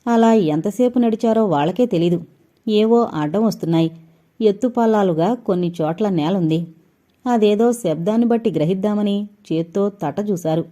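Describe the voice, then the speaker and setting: Mellow-voiced woman narrating a suspense story. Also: mid-range voice, moderate pace. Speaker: audiobook narrator.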